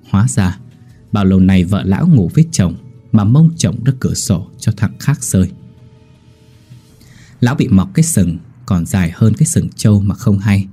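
A man narrating a horror story in a steady, grim manner. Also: fairly low pitch, slightly rough.

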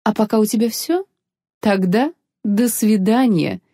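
A woman reading an audiobook voices a drunk, jealous, haughty sorceress with shrill, mocking speech. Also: expressive, a little slow, dark tone, no echo, studio quality. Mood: scornful. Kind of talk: audiobook character voice.

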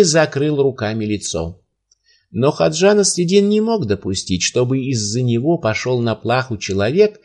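A man reading a story aloud in a dramatic, expressive narration. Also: mid-range voice.

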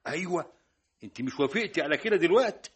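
A calm, fair-minded Egyptian father in a radio play. His husky voice rises and falls a lot. He talks quickly, weighing things with mild doubt. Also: fairly high pitch, exaggerated voice. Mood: measured. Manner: measured, mildly skeptical.

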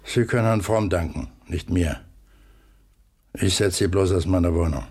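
In a radio drama, an actor plays a stern, stubborn middle-aged father with a husky, gravelly voice. His delivery is low and darkish at a normal speed, terse and authoritative.

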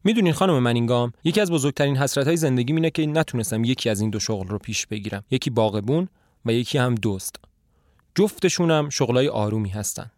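A man voicing a shrewd calm detective. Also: mid-range voice, no echo, clean studio sound, lightly acted. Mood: wry. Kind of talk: dramatized play reading.

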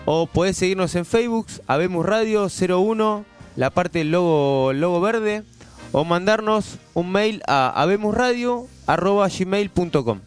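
A man's voice: high-pitched, lively intonation, a little slow, soft background music. Argentine man hosting community radio. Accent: Argentine Spanish. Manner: leads the show, hands off to co-hosts. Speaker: radio show host.

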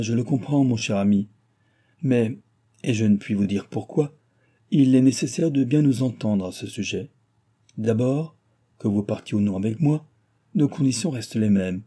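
A man voicing an impatient, excitable heir who speaks in earnest, emphatic appeals. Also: lowish voice, moderate pace, slightly rough. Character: impatient, excitable male heir, warm toward his friend.

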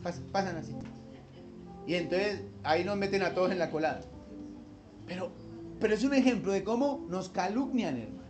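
A man's voice: high voice, animated, moderate pace, pauses often. A man preaching a sermon as pastor, emphatic and conversational, with wry asides, over background music.

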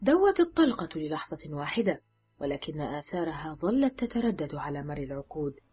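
A woman narrating an audiobook thriller in a measured, dramatic reading. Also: low-pitched, big pitch swings, mellow, slightly rough, soft background music. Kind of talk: scripted narration.

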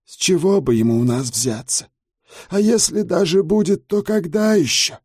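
A man's voice: sits high, animated, normal speed, darkish tone, husky, dry recording, studio quality, voice pushed up. A man voicing a gloomy, weary female Death who speaks in a glum, dragging way, in an audiobook.

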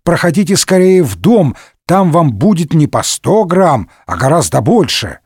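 A man's voice: fairly high pitch, very animated, a little slow, darkish tone, slightly rough, no echo, studio quality, heavily acted. A man voicing a cheerful, boastful old nobleman musketeer who tells tall tales in a parody audiobook. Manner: exclamatory, tall-tale bragging.

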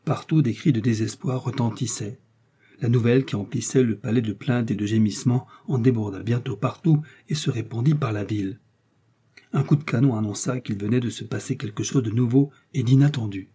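A man narrating a classic novel as an audiobook, with a measured, dramatic reading. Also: mid-range voice, dark tone, breathy edge.

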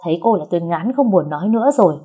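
A skeptical young man, exasperated and lecturing, with a dry, fed-up tone, read by a woman storyteller. The voice is husky and mellow. It sounds like a spoken story. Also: fairly low pitch, animated, very fast.

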